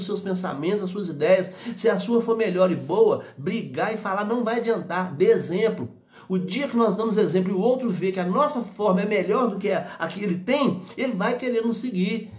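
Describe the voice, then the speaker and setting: A man gives a motivational talk to his phone's selfie camera, his voice set fairly high. He acts out quoted people and laughs easily. The room around him is echoey. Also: a little mellow. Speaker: motivational speaker.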